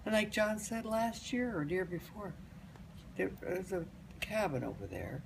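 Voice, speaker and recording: An elderly woman, a grandmother, casually telling family stories in a halting, rambling way and repeating phrases for emphasis. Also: medium pitch, sing-song, creaky, noisy background. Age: older, grandmother.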